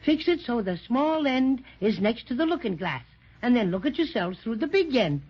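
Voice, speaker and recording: A woman's voice: a little high, very animated, moderate pace. A woman doing a chatty teddy bear. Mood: cheerful, chatty. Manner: chatty, folksy phrasing with throat-clearing and "to be sure". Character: small cheerful male teddy bear, chatty and boastful. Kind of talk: 1930s children's radio drama. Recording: dull 1930s radio transcription.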